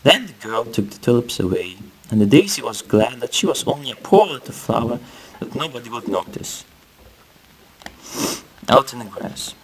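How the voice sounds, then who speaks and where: A man reading a fairy tale aloud in an expressive storybook-opening manner, speaking straight to the listener and now and then stumbling over a word. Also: mid-range voice, normal speed, rough recording. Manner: storybook-opening delivery, addressing the listener directly.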